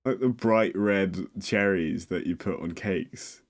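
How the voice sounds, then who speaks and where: Deep-voiced young man, dry. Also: takes it slowly. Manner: relaxed, dry teasing. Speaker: podcast co-host. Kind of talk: casual chat.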